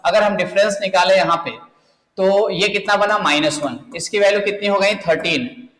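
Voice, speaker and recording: A high-voiced male teacher coaches students through exam math, quizzing them as he goes. His voice rings in a roomy space with a long reverb tail. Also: normal speed, fairly bright tone. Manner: explains step by step, asks the students questions, addresses them as children. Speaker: math teacher for bank exams. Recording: echoey room, long reverb.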